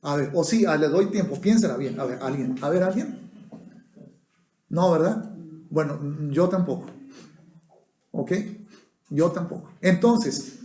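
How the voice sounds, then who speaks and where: A man's voice: fairly high pitch, lively intonation, a little slow, pauses often, dark tone. A man preaching a sermon, chatting with the congregation and asking them questions. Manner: conversational, asks the audience questions. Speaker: pastor. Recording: roomy echo of a hall.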